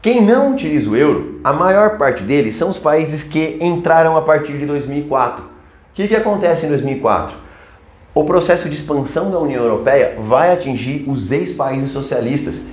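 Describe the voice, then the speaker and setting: A man's voice: on the high side, animated, normal speed, roomy sound. A man with a Brazilian Portuguese accent teaching a geography lesson at a chalkboard, talking casually to his students. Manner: casual, addresses students as "cara". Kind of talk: chalkboard lecture. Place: classroom.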